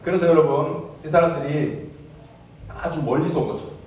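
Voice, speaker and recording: A young man preaching a lively sermon to children, asking them questions and acting out the characters' words. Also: fairly high pitch, moderate pace. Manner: animated, asks the children questions and acts out quotes. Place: church hall with children. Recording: echoey church hall, mic at a distance.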